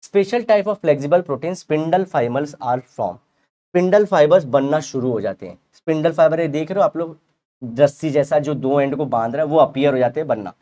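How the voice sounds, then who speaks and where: A man teaching a biology revision lecture, explaining in Hindi with English terms, reading textbook lines slowly and asking the class questions. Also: fairly high pitch, warm tone. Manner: playful analogies, asks the class rhetorical questions.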